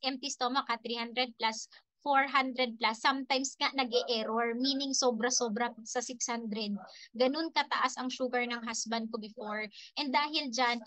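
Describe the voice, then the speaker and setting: A middle-aged woman giving an animated motivational testimony to fellow network marketers, switching freely between Tagalog and English. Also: sits high, dry recording.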